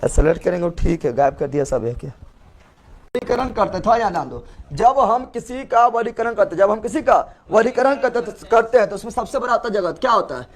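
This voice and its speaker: A man's voice: high voice, lively intonation, a little fast. A male teacher gives a classroom lecture, asking a question and repeating the answer over and over. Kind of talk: classroom lecture with call-and-response.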